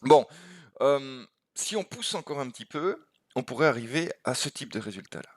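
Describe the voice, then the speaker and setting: A man's voice: medium pitch, expressive, moderate pace, no echo, clean studio sound. A man teaching a creativity course, thinking aloud and tagging phrases with "hein" and "ok". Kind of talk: recorded lecture over slides.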